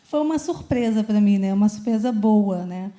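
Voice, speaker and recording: A woman's voice: medium pitch, lively intonation, normal speed, warm tone. A woman with a Brazilian accent sharing her testimony at a church service in an earnest, conversational way. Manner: earnest and conversational, often adding "né?". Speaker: church member giving testimony. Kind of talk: personal testimony. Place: church service before a congregation.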